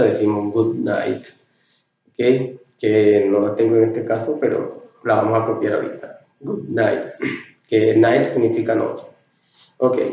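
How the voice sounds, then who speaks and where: A man's voice: medium pitch, warm tone. A man teaching a class on basic greetings, explaining patiently, stretching out the key words and asking "ok?" to check that the students follow. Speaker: English teacher. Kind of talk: classroom lesson explaining English greetings in Spanish. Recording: echoey room, voice from a distance, dull sound.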